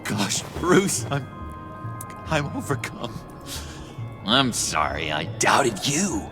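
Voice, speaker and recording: Game role: needy, unhinged young man, slow, theatrical, wide-ranging, music underneath. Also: medium pitch. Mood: relieved, giddy. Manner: pleading, halting, swinging from hushed to excitable. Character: eager, unstable, needy young misfit man, anxiously devoted. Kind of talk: video game acting.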